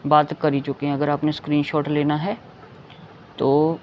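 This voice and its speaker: Monotone and a little high, a man teaches Hindi at a moderate pace in a slow, explanatory lesson. Each sound gets patient repetition, and he often checks whether listeners are following. The recording sounds dull and lo-fi, carrying faint background noise.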